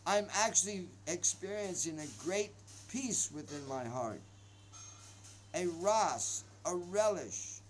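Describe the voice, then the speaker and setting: A man voicing a gentle devout young man who speaks in a calm, controlled way. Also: on the high side, slight background noise, low-quality recording. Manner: calm, controlled, softly devotional.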